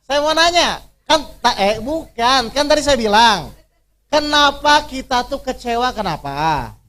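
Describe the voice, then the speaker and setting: Speaking a little slowly in an extremely high, expressive voice that sounds pushed and bright, this Islamic preacher runs a participatory religious workshop. He tests the audience with rhetorical questions and hammers points home by repeating key phrases.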